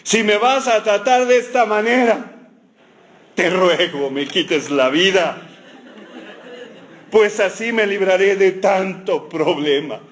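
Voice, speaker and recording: A man voicing Moses as a put-upon man complaining to God in a high, drawn-out, self-pitying whine. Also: fairly bright tone. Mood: whiny.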